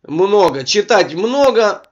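A man with a speech impediment on his R sounds, reading texts aloud informally as a video blogger, with halting commentary. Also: high voice, sing-song. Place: voice-over recorded over a screen capture. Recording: dull, lo-fi microphone sound.

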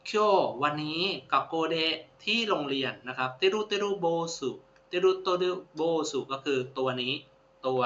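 Here a man with a sharp voice on the high side runs a classroom-style language lesson, repeating each word with patience and praising his students. Expect roomy, dull lo-fi audio with a faint hum.

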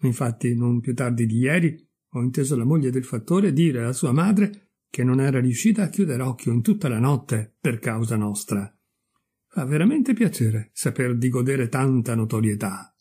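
Un uomo che fa una rana chiacchierona e vanitosa. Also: male voice, mid-range voice, expressive, moderate pace, warm tone, husky. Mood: chatty. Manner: talkative, cheerful, self-satisfied. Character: chatty, boastful female frog.

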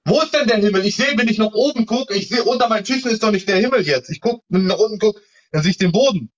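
An online evangelist with a high, fast voice preaches in a heated live-stream debate, admonishing listeners and repeating fire-and-brimstone warnings. The live-stream audio is muffled and lo-fi.

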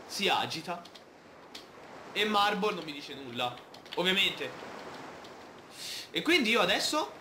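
A man's voice: sits high, sing-song, measured pace, pauses often, pushed and bright, roomy sound, slight background noise. A man playing a video game, chatting playfully and reading the game's text aloud. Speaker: gamer. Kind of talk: Let's Play commentary.

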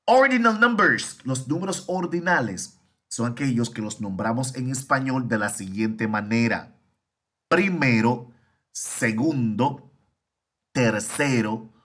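A man's voice: medium pitch, expressive, slow pace, bright, forceful tone, slightly rough. A man teaching an English class over a video call, repeating each phrase and translating it. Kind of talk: online bilingual class.

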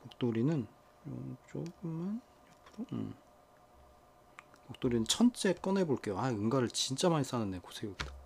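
A man chatting casually to viewers while tending his small pets at home, often dropping to a soft coaxing murmur. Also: medium pitch, big pitch swings, moderate pace, gravelly, pauses often, a little hiss or hum. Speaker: pet vlogger.

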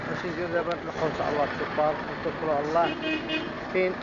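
A man's voice: fairly high pitch, steady tone, very fast, creaky, lo-fi sound, very noisy. A middle-aged man with a Moroccan Arabic accent, chatting casually on a travel vlog, upbeat and full of thanks and blessings, filming on a phone held close outdoors. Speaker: motorcycle vlogger. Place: outdoors at roadside shops and stops. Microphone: phone held close for a selfie.

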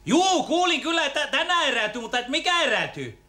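A man's voice: very high voice, sing-song, bright, forceful tone, full character voice. A man playing a chirpy, giggling male TV host who fusses on the phone in a comedy sketch. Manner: giggly, fussy phone manner.

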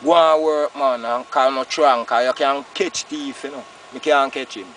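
A man's voice: mid-range voice, steady tone, normal speed, a bit bright, distant mic. An older Jamaican man reasoning casually in rasta-style patois, emphatic and repeating his phrases. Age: older, about 60s. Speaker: farmer being interviewed. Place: outdoors on a village roadside. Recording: outdoor roadside, off-mic, faint noise.

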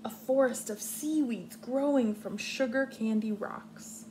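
Sitting indoors on a couch in the living room, a young adult woman with an American accent reads and explains in simple, instructive terms for little kids, much like a kindergarten teacher. Her tone is warm, her pitch on the higher side, her pace slightly slow. Noticeable noise runs through this home recording.

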